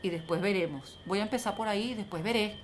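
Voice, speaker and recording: An older woman with a Venezuelan accent, telling stories as a guest in an interview, lively and acting out the voices of others. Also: mid-range voice, quick pace, slight background noise. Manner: lively, acts out quoted voices, talks to the host by name. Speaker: interview guest, film producer. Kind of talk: animated storytelling interview.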